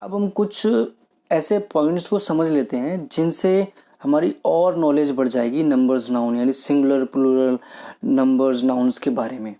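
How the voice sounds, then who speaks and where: A man teaching a grammar lesson in a mellow, relaxed voice. He poses questions and answers them himself. He slows right down whenever he reads out an example sentence. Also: mid-range voice.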